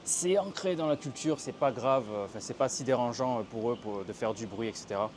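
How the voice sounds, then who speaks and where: A man's voice: medium pitch, brisk, a little hiss or hum. A young man from France teaching Mandarin tones in a casual, chatty outdoor video lesson, acting out the intonations he describes. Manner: chatty, animated demonstrations of intonation. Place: outdoors by a canal in a Chinese city. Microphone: handheld tripod camera.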